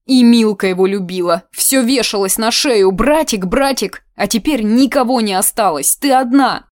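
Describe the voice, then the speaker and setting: A woman putting on a fussy, grief-stricken older woman in an audiobook, pitched noticeably higher and louder than plain narration. She sighs and exclaims, doting and lamenting by turns, and the recording is dry and close. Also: moderate pace, no room sound, natural voice. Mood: grieving. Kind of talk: audiobook character reading.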